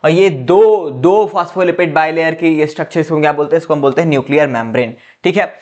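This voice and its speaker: Higher-pitched man teaching biology. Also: quick pace, a little mellow, dull audio. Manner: repeats questions and answers them himself, says "ठीक है" often; addresses students as "बच्चा". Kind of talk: classroom lecture.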